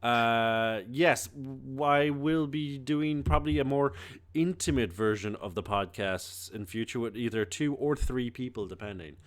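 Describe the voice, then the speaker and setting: A man's voice: medium pitch, unhurried. A man hosting a casual gaming podcast, loose and swearing freely between laughs. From Ireland. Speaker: podcast host.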